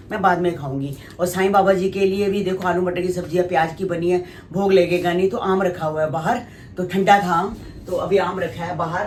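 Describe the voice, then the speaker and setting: A woman's voice: on the low side, darkish tone, slight background noise. Chatty middle-aged woman cooking at home. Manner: chatty, rambling, addresses viewers directly. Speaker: family vlogger and mother. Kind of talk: casual cooking vlog chat. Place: home kitchen.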